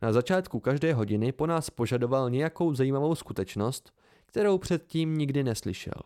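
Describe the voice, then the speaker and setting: A man reading an amateur audiobook in a steady, unhurried way. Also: medium pitch. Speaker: audiobook reader.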